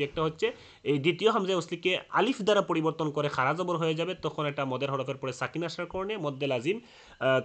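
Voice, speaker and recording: A man gives a classroom-style lesson on recitation rules. His voice sits a little high, and he talks quickly. He explains point by point, often pausing on an "ah" before pressing on. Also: a bit bright. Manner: explanatory, many "ah" fillers and restarts. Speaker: Quran recitation teacher.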